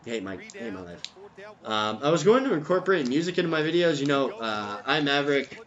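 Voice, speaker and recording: A man's voice: mid-range voice, big pitch swings, fairly quick, a bit bright, highs cut off. A man giving casual, rambling commentary over a video game, full of ums and side tangents, recorded at home. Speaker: gameplay commentator. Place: at home, neighbor's music nearby.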